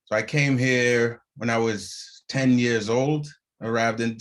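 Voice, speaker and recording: Speaking slowly in a mid-range voice, a man from Haiti shares a story as a guest actor in a relaxed interview. He's an animated storyteller who mimics the people he quotes and laughs at himself.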